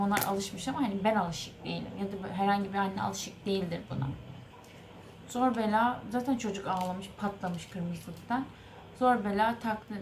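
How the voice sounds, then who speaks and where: A woman's voice: mid-range voice, a little hiss or hum. Earnest rambling woman vlogger. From Turkey. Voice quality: rambling, self-correcting recounting. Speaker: vlogger, mother of an infant. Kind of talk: casual storytelling to the camera.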